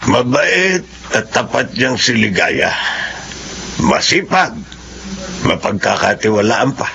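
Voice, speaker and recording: An actor playing a thoughtful, slightly suspicious wealthy husband and employer in a radio-style drama. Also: male voice, mid-range voice, very animated, creaky, sharp tone, full character voice. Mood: measured. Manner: measured, suspicious. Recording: muffled lo-fi with light hiss.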